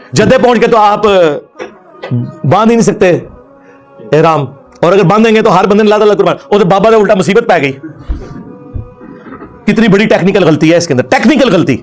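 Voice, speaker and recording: High-voiced mocking scholar. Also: male voice, faint music behind. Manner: mocking, laughs while arguing. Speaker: Islamic scholar. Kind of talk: religious lecture.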